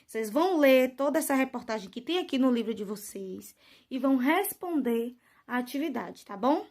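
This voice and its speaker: A woman teacher, giving a lesson to children, drawing out example words slowly and often checking that they follow. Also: sits high, expressive, a little mellow. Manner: slow drawn-out stress on example words, frequent "né?" and "tá bom?" checks.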